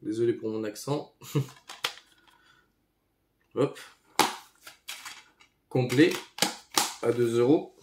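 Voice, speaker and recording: Brief: easygoing male collector, hesitant casual delivery, mid-pitched, roomy echo with faint hiss. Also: extremely slow, long pauses. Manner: relaxed, hesitant, many fillers. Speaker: retro game collector YouTuber. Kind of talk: casual show-and-tell commentary. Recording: echoey room, faint noise.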